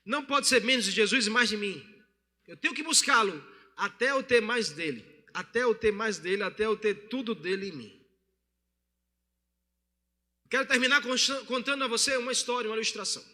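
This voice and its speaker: A man's voice: high-pitched, animated, moderate pace, pushed and bright, long reverb tail. A male pastor preaching a sermon to his church and calling for responses from the congregation. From Brazil.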